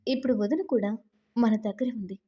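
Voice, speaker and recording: A woman gives voice to a young wife who is soft, caring and quick to worry. Her tone is mellow and rather high, and she is a storybook figure. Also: natural voice. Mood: soothing. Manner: worried, softly coaxing.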